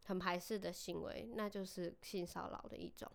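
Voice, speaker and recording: A woman's voice: on the low side, steady tone, moderate pace, vocal fry. A young woman, co-hosting a casual chat and recounting a personal story in an earnest, hesitant way full of fillers. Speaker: co-host.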